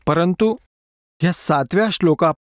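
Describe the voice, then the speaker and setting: Man preaching with a fairly high voice. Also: no room sound, clean studio sound. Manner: explains verse by verse, repeats key words slowly. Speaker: preacher giving a dubbed sermon. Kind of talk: sermon reading scripture.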